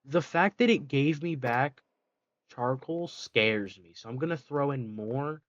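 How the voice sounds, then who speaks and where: A man's voice: medium pitch, a little slow, no room sound, dull audio. A man giving casual gameplay commentary, rambling, correcting himself mid-sentence and dropping sarcastic asides. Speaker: let's play gamer.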